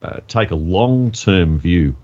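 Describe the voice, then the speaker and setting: Deep-voiced man, measured. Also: expressive, a little mellow, highs cut off. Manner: measured, hesitant with many uhs. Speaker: podcast co-host. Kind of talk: casual chat.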